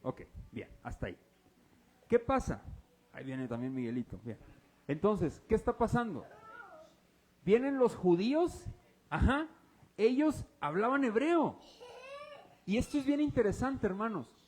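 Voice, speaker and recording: High-voiced pastor quizzing his flock. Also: big pitch swings, unhurried, pauses often, darkish tone. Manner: quizzes the congregation, casual and teasing. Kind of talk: interactive sermon. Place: church service before a congregation.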